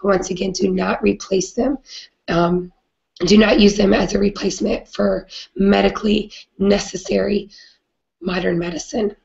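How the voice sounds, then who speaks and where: A woman with a raspy, hoarse voice from a cold, hosting a live video chat in an earnest way with many "um" fillers. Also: medium pitch, fairly even intonation, moderate pace, a little mellow, highs cut off. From not British. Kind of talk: casual live-stream talk.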